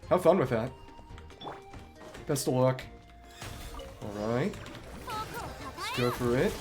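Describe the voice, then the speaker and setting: Speaking slowly in an animated, medium-pitched voice, a man streams casual gameplay commentary, explaining mechanics in an understated, wordy way while game music plays in the background.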